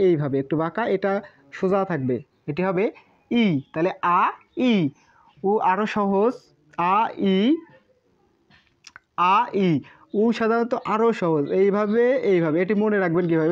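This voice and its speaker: A woman's voice: mid-range voice, a little mellow. A woman with a Bangladeshi Bengali accent, a language teacher patiently explaining and drilling syllables one by one. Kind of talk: explaining at a board. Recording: slightly dull lo-fi recording.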